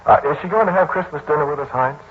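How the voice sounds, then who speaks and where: In a 1940s radio drama, an actor voices a troubled but kindly male lodger narrating his haunted memories in the first person, his voice slightly high and close to everyday speech. He sounds pleased and warm, telling the story in a brooding, deliberate way that grows pleading in dialogue. The broadcast audio is muffled and noisy.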